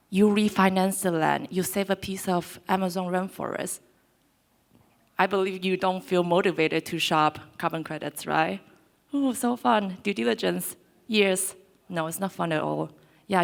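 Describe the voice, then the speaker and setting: Speaking in a conference hall, a Taiwanese co-founder in her twenties addresses the audience as a panelist, winning them over with pointed, direct questions. Her voice is gravelly and mid-range.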